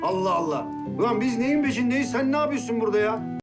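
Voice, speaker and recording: A bossy, scolding buddy. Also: male voice, extremely high pitch, lively intonation, quick pace, over music. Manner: scolding, blunt, slangy. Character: brusque, bossy male friend, fed up with his buddy. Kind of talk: TV series acting.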